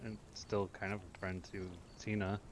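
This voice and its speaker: A man's voice: lowish voice, flat delivery, moderate pace, noisy background. A man chatting in character during a role-play game, hesitant and stammering.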